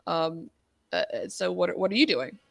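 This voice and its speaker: A woman voices a naive young firbolg druid who trusts everyone she meets. She speaks earnestly, a bit flustered, stumbling over her restarts. The tone is bright with a gravelly catch, and the sound is dry. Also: fairly low pitch, sing-song, normal speed, no echo, exaggerated voice.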